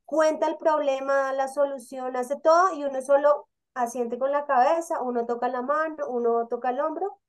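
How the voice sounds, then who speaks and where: A woman co-hosting a casual panel talk, explaining emotions in an animated way and acting out the people she quotes. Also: high-pitched, normal speed, few pauses. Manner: animated, acts out quoted voices. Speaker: co-host.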